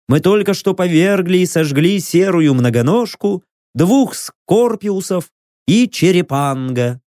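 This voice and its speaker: A woman reading the words of a boastful male crusader chronicler, slow and grandiose. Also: low voice, mellow, dry recording, clean studio sound.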